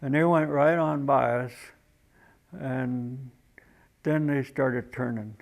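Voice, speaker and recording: An older man, a wildlife biologist, telling stories in a documentary interview, reminiscing with halting restarts and chuckles. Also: mid-range voice, fairly even intonation, vocal fry.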